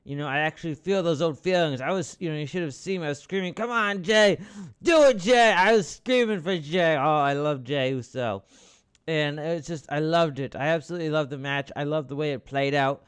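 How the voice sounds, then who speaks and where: Excitable man ranting about wrestling. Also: on the high side, fairly quick, smooth. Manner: excitable, bursts into loud enthusiastic outbursts; rambling with frequent restarts and swearing. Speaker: podcast host. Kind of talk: casual wrestling commentary.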